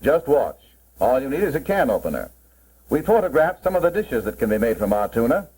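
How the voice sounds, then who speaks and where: A man's voice: mid-range voice, very animated, fairly quick, darkish tone, husky. A man presenting as a proud company spokesman, narrating a 1940s promotional film in a formal, salesmanlike style. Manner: formal, salesmanlike, mid-century narrator delivery. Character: company man presenting his product with pride. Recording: muffled, worn 1940s film soundtrack.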